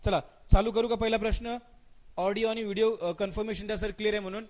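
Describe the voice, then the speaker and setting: A man with a Marathi accent teaching an English grammar exam-prep class live online. He calls on students by name, repeats his questions and answers, and drags out the example sentences slowly. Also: high voice, level tone. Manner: mixes English words into his speech, stretches out spoken example sentences.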